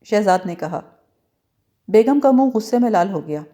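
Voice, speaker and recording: Woman narrating a novel in a mellow voice. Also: mid-range voice. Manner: expressive storytelling, voices the characters' lines. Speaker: audiobook narrator. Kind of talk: novel reading with character voices.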